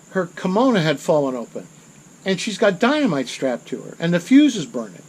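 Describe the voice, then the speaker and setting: A man's voice: high voice, low-quality recording. Rambling middle-aged man telling a story. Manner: rambling, self-correcting, rises in intensity at dramatic moments. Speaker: channel host. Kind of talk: casual storytelling monologue.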